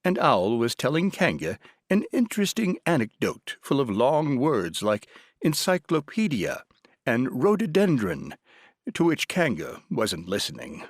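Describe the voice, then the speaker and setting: A man narrating a children's audiobook with an expressive, animated reading. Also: medium pitch, measured pace, no room sound, studio quality.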